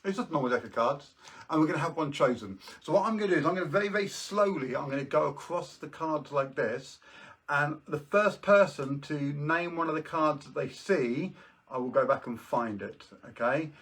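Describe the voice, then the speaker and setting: Jokey British magician, distant mic. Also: male voice, fairly high pitch, lively intonation, a little fast, fairly bright tone. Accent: British English. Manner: jokey kids' party magician patter. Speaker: magician hosting a live online show. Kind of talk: live magic show patter with casual asides to viewers.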